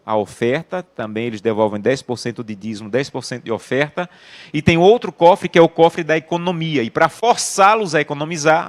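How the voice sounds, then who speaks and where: A man preaching an earnest sermon and telling personal family stories. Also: mid-range voice. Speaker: pastor.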